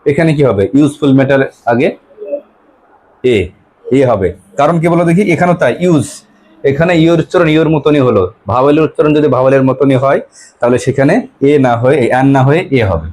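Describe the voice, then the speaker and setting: In a medium-pitched, slightly mellow voice, a man from West Bengal, India, teaches English grammar to a class. He poses questions to the pupils, repeats their responses, and reads the English examples at a slow pace.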